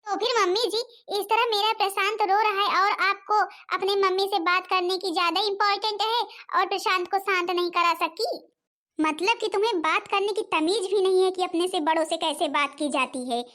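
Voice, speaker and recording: Woman doing a caring teen big sis in a cartoon, high voice, worried and pleading. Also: steady tone, normal speed, fairly bright tone. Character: teenage girl, caring older sister. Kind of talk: cartoon voice acting.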